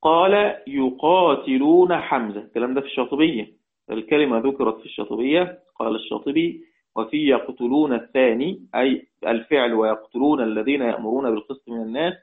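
The tinny, phone-like recording captures a fast-talking man with a mid-range voice and an Egyptian accent. He's teaching Quranic readings, working through them step by step, asking his class questions, and repeating key phrases.

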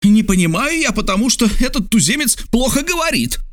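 A man voicing an excitable, absent-minded French geographer who exclaims and over-enunciates. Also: high-pitched, dry recording, clean studio sound, pitched above the performer's own voice. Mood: indignant. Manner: exclaiming, over-enunciating, quick to take offence. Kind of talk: audiobook character voice.

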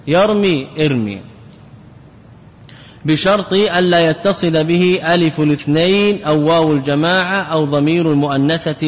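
A man, a sheikh teaching Arabic grammar, lecturing in class, repeating examples aloud and quizzing his students. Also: on the high side. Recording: reverberant hall recording, faint noise.

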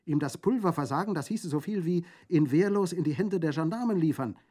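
Fierce proud young corsican woman, man reading her part, raised voice, mellow tone. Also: a little high, lively intonation, fairly quick, breathy edge, voice pushed up. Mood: insistent. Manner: earnest, insistent.

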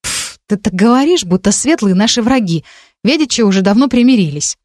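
A woman's voice: fairly high pitch, expressive, brisk, a little mellow, dry recording, studio quality. A woman voicing Marina, a stubborn teenage witch girl who talks defensively and reasons her way out. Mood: placating. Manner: defensive, reasoning, a bit sulky.

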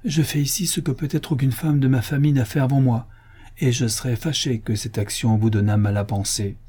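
A man's voice: mid-range voice, fairly even intonation, brisk, mellow, husky, pitched above the performer's own voice, natural voice. A man reading as a dutiful young Corsican woman. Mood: anxious.

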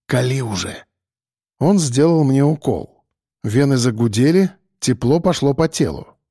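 A man reading a first-person story in steady, tense narration. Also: medium pitch, a little slow, dry recording, studio quality. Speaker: audiobook narrator.

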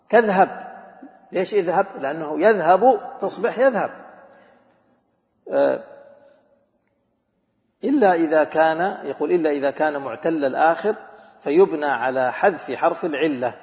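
A grammar teacher with a somewhat high male voice leads a class, firing questions at his students and repeating examples. His voice rings through a large echoing hall with a long reverb tail. The recording sounds dull and lo-fi. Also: darkish tone. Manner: mixes formal Arabic with colloquial speech. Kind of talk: classroom lecture on a grammar text.

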